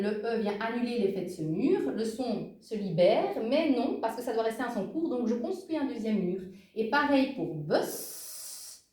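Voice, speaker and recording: A woman's voice: a little high, warm tone, reverberant, recorded from a distance. A woman giving an explanatory language lesson, emphatic and checking in often with her listeners. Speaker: language teacher.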